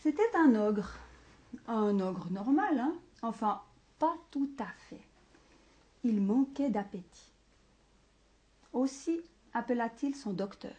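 A woman reading a picture book aloud to listeners in an expressive way, dropping now and then to whispered asides. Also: on the high side, takes it slowly, pauses often, breathy edge.

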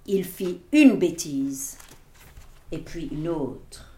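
A woman reading a picture book aloud to children in an animated way, with playful asides to her listeners. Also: low voice, extremely slow. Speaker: storyteller. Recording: echoey room, faint noise.

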